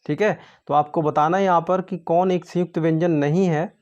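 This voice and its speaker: A man's voice: fairly high pitch, fairly even intonation, fairly quick, a little mellow, muffled recording. A man tutoring for an exam, going through quiz answers step by step in a patient way. He asks his own questions and then answers them.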